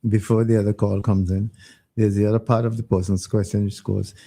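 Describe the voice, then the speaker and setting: A man's voice: fairly low pitch, flat delivery, brisk, vocal fry, dark tone. A man hosting a phone-in programme, moderating callers in a casual, polite way.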